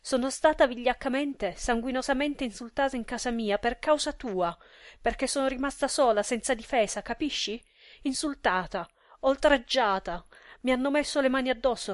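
A woman reading aloud voices a furious, indignant wife who talks in a shrill, urgent, bossy way. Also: no room sound, studio quality, lightly acted.

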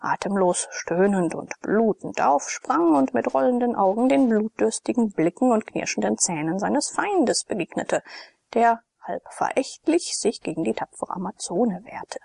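A woman narrates a classic novel in an expressive, dramatic reading. Her voice sits a little high, with a husky, gravelly texture. The sound is dry and close. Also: a little slow, dry recording. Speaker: audiobook narrator.

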